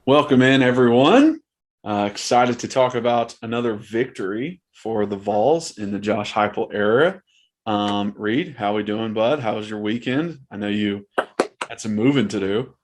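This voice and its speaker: Male podcast host, slightly low pitch, informal conversational sports talk. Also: normal speed. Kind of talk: casual sports podcast hosting and ad reads.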